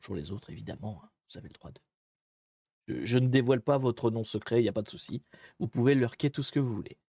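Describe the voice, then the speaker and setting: A man hosting a live stream in casual, chatty commentary. He thinks aloud, mocks himself in a relaxed way, and greets viewers in the chat. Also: medium pitch, fast, breathy edge, no room sound, studio quality. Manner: laid-back and self-mocking. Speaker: livestream host.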